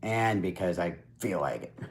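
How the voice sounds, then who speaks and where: A man's voice: low voice, animated, moderate pace. A man streaming from his computer at home, chatting casually in a rambling, hesitant way with blunt swearing. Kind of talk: casual live stream chat.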